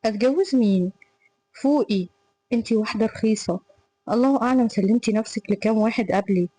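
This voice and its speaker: A woman's voice: on the high side, fairly quick, mellow, close to an everyday voice, poor audio. A woman reading the part of a cruel, scornful young male tutor in an Egyptian Arabic accent, harsh and threatening.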